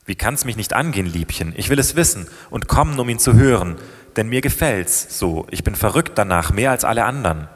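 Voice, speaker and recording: A defiant young rascal who taunts and jeers at everyone around him, as a male storyteller gives him voice. The voice is low and carries a long echoing reverb, like a big hall. He sounds stubborn and full of scorn. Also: lively intonation, a little fast. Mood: mocking. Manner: taunting, shouting. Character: cheeky stubborn young man, mocking, defiant.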